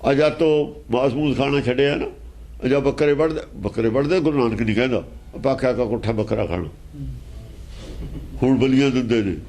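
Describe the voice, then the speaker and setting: A man's voice: medium pitch, fairly quick, a little mellow. A man teaching scripture in an emphatic, argumentative way, asking pointed rhetorical questions. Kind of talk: explaining scripture verse by verse.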